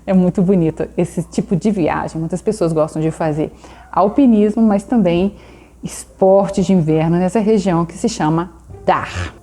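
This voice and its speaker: A woman teaching a German lesson. She slows down sharply to model German phrases, rolls her R, and keeps checking in with "né?" and "tá bom?". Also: lowish voice, mellow. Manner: fillers of "né?" and "tá bom?" to check in with the viewer. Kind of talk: language lesson.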